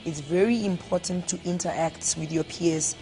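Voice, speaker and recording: A woman with a lowish, mellow voice speaks earnestly in an interview. She stresses her points. Faint music sits under her voice. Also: steady tone, normal speed. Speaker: conference delegate. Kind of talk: interview soundbite.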